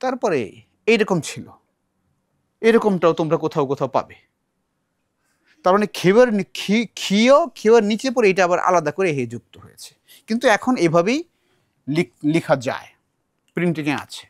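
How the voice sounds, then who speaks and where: A man's voice: sits high, lively intonation, fairly quick, pauses often, dry recording, clean studio sound. A man from Bangladesh teaching a recitation class, patiently explaining and repeating words aloud to model how they are said. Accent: Bangladeshi Bengali. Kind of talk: classroom lesson.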